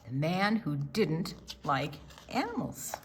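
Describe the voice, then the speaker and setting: A low-pitched older woman reads to young children, taking her time and adding plenty of expression, chatty side comments, and questions for her audience. There's slight background noise.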